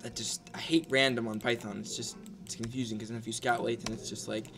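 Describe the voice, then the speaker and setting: A man's voice: medium pitch, flat delivery, fast, vocal fry. A young man playing a match live, talking in a focused, mumbly way about his moves. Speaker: gaming channel co-host playing the match. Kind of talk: casual live-stream gameplay chat. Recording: game music playing behind.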